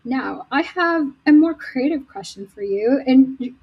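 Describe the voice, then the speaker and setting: A woman's voice: high-pitched, animated, unhurried, slightly rough. A woman hosting an online roundtable who puts questions to her guests in an upbeat way. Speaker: host. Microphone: video call. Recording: muffled lo-fi video-call audio.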